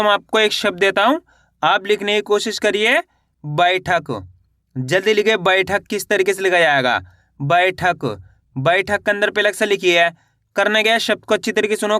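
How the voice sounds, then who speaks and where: Male tutor with a bright, smooth voice; patient, repetitive spelling drills, very dry recording. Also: sits high, no echo. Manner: slow, repetitive drilling with quiz questions. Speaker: Hindi teacher. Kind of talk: spelling lesson, sounding out syllables.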